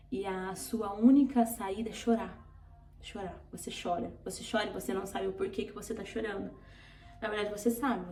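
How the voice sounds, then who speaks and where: A woman's voice: medium pitch, warm tone, a little hiss or hum. A Brazilian woman vlogger telling an emotional personal testimony, earnest and tearful, repeating words for emphasis. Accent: Brazilian Portuguese. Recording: roomy, distant from mic.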